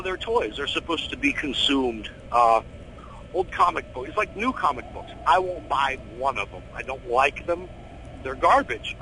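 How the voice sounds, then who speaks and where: A middle-aged American man chatting casually in an interview, animated, opinionated and full of slang. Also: mid-range voice, slight background noise, low-quality recording. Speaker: horror host being interviewed.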